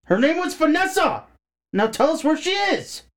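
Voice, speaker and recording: A man voicing an impatient, snarky young man who is quick to anger. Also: mid-range voice, darkish tone, voice pushed up, close to an everyday voice. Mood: furious. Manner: snarky, impatient, angry outbursts. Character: hot-headed young man, impatient sidekick.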